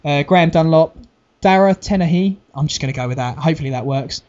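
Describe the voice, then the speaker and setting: Laughing podcast host, lo-fi. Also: male voice, fairly high pitch, quick pace, darkish tone. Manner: laughs a lot, crude banter. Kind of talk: casual chat. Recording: dull lo-fi podcast recording.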